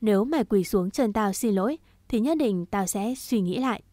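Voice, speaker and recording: Một người phụ nữ đọc giọng một chàng trai trẻ cứng rắn, che chở, nói dứt khoát và đầy đe dọa. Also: female voice, medium pitch, expressive, normal speed, warm tone, no room sound, studio quality, lightly acted. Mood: cold. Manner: firm, clipped and threatening. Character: stern protective young man, cold and resolute.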